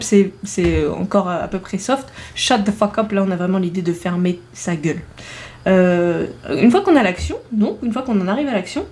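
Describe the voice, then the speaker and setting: A woman's voice: medium pitch, mellow. A woman hosting a casual podcast lesson as an English teacher, playful and self-mocking, laughing often as she explains.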